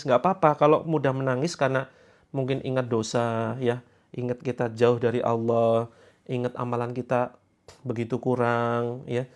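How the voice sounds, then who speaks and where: A man coaching viewers on a live stream in a chatty way, laughing often and reading out their comments. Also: mid-range voice. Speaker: online self-help and therapy coach. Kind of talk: casual live-stream talk.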